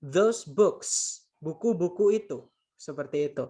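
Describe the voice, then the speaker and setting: A grammar tutor gives a relaxed spoken lesson, patiently going over points again and translating every example while calling the listeners friends. The voice is mellow, expressive, and medium-pitched, taking things slowly.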